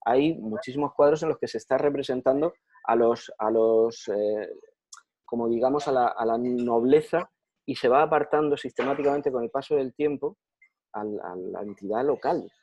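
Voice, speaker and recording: This Spanish-accented man from Spain has a warm, medium-pitched voice and keeps a moderate pace. He answers eagerly on a video call following a lecture, circling back to the same phrases to stress his point, and the audio comes through muffled.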